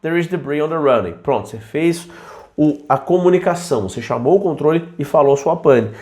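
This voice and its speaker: A man teaching aviation English to pilots in an informal video lesson. His voice sits high for a man, and he talks in a chatty, lively way, now and then mimicking a student's questions. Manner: chatty, slips into English examples slowly and acts out students.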